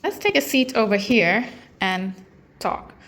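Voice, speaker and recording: A woman's voice: fairly high pitch, sing-song, measured pace, fairly bright tone. Chatty Finnish-raised woman in her thirties. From Finland. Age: 30s. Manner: chatty and earnest, with fillers. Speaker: vlogger and Airbnb host. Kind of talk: casual vlog talk to camera. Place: apartment indoors.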